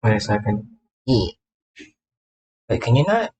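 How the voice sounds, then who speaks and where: A gamer VTuber, male, livestreams while setting up a game, chatting casually in a scattered way that keeps repeating phrases and cutting himself off. His medium-pitched voice is sing-song, unhurried and darkish, on a rough recording with slight background noise.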